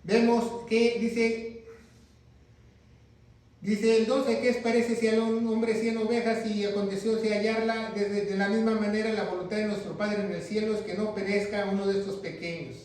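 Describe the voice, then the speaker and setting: A man's voice: sits high, flat delivery, moderate pace, a little mellow, slight background noise. A male pastor teaching a Bible class who keeps asking his listeners questions and then answering them himself. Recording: echoey room, mic far off.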